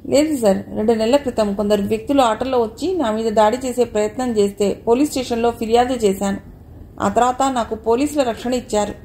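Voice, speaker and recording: A woman voicing a gentle, cautious young bride-to-be in an audiobook story, speaking softly and politely. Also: on the high side, a little fast, slight background noise, lightly acted. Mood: earnest.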